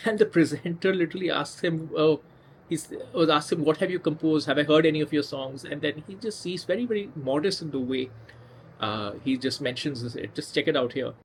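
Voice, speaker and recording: A man's voice: on the high side, a little fast, a little hiss or hum. A man hosting a casual storytelling video, talking conversationally with restarts and emphatic asides. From India. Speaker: music channel host.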